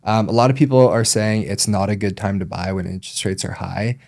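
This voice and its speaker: A man who works as a loan officer, explaining things in a relaxed podcast chat with frequent ums. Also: on the low side, brisk, gravelly.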